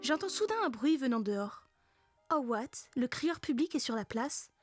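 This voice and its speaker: High-pitched woman telling a comic story. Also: expressive, normal speed, soft background music. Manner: casual, slangy, sarcastic. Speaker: narrator of a comedic story parody. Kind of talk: first-person comic storytelling, acted.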